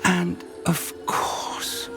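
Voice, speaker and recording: A man playing an older wizard professor in a fantasy game, curious, wry and expressive. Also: drawn-out words, over loud music. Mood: hushed wonder. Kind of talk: cinematic fantasy game acting.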